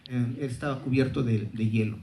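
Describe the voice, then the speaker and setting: A male anthropologist recounts an anecdote at a panel, pausing and repeating words as he searches for them. The hall adds echo and a faint noise floor. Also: medium pitch, warm tone. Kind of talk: conference talk.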